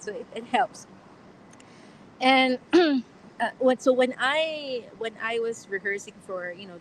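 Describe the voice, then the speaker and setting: A woman's voice: mid-range voice, a bit bright, a little hiss or hum, low-quality recording. Chatty laughing woman hosting a livestream. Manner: chatty, laughs often, many fillers. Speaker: livestream host. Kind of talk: casual live Q&A chat. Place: outdoors on a platform.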